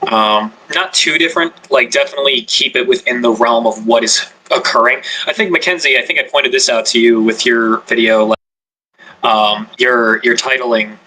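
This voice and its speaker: On a podcast panel, an ASMR creator offers casual tips on making content, chatty and loose, with filler words and restarts. His medium-pitched voice moves at normal speed and sounds pushed, bright and slightly rough, in a rough recording.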